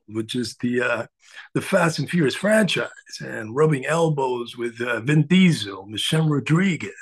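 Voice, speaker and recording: A man's voice: mid-range voice, breathy edge. A middle-aged man from the Dominican Republic, a spiritual coach speaking earnestly to a live audience with frequent filler sounds.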